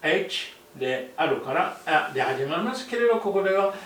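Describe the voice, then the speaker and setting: A man, a non-native speaker whose first language is Arabic, teaching a language lesson and slowly repeating phrases with frequent self-corrections. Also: a little high, lively intonation, fairly bright tone. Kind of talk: slow, repetitive language lesson, mixing English and Japanese. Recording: echoey room, voice far from the mic.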